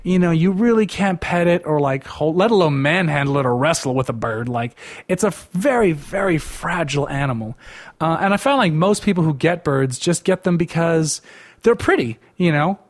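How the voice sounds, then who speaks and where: Man, fairly high voice, casual rant, rambling, lots of "like", sarcastic. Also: animated, moderate pace. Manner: rambling, heavy use of "like" fillers; sarcastic, dismissive.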